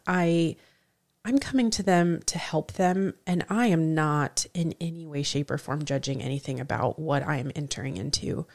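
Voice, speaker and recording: A woman working as a veterinarian, speaking sincerely and deliberately with frequent restarts. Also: low voice, a little mellow. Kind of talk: interview answers.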